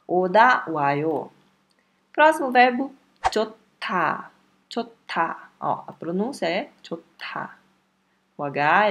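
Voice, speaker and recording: Woman teacher, low-pitched, patient lesson explainer who repeats words slowly and checks in constantly. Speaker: language teacher. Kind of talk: online language lesson.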